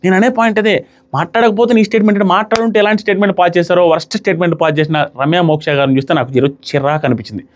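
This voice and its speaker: A man with a fairly high voice races through casual, lively commentary on a reality show, acting out the lines the contestants said.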